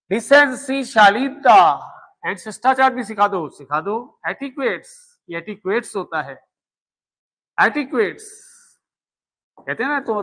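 A man's voice: high-pitched, fairly bright tone. A middle-aged man teaching a coaching class, emphatic and repetitive, firing rhetorical questions at students. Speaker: law exam coaching teacher. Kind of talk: classroom lecture.

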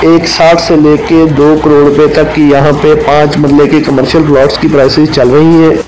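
A man with a Pakistani Urdu accent, a property consultant narrating a site tour in a persuasive, repetitive sales manner. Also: background noise. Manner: persuasive sales pitch, repeats phrases.

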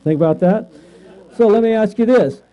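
A man's voice: high voice, moderate pace. A man teaching a Bible class in a conversational way, often asking the class questions and checking in with "right?". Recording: lo-fi recording with mains hum.

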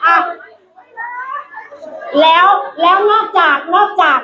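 A woman's voice: very high-pitched, slow pace, pushed and bright. A woman coach hosting a live stage event, emceeing in a playful, teasing way that often breaks into laughter and calls out to the room. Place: large event hall with an audience. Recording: echoey hall with crowd noise.

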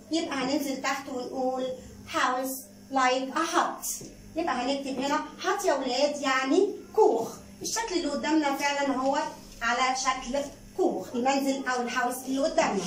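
Egyptian woman teacher, high voice, brisk classroom explaining; echoey room, mic set back. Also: recorded from a distance. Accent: Egyptian Arabic. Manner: brisk explaining, addresses pupils as kids. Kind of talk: recorded online school lesson.

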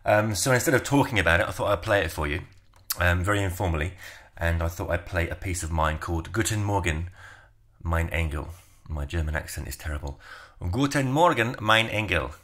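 A man with a very low voice and a bright, forceful tone talks informally from his home. He is relaxed and self-deprecating and fills his sentences with ums and uhs before he plays. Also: fast talker, hardly any pauses. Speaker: guitarist. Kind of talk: casual spoken introduction at home.

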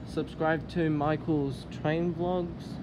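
A man's voice: little pitch movement, takes it slowly. A man, filming on an outdoor station platform and calling out locomotive numbers as freight trains pass. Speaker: train vlogger. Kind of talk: casual commentary while trainspotting. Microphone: phone camera held on the platform. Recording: loud passing train noise. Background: loud rumble of passing freight trains.

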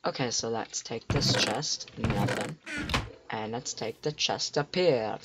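A teenage boy with a cracking voice, rambling excitedly to himself as he plays a computer game. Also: medium pitch, takes it slowly, noisy background. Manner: excitable, rambling, talks to himself while playing. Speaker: gamer. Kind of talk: casual game commentary. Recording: loud keyboard clicks and typing.

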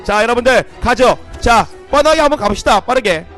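A young man streaming a football game, commentating live with hyped shouting as he opens card packs. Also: very high-pitched, lively intonation, a little fast, soft background music.

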